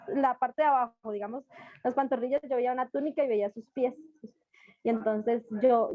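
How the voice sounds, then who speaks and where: High-voiced woman giving testimony. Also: dry recording. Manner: emotional, repetitive storytelling. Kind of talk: personal testimony in an online class. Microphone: video call. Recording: dull lo-fi video call audio.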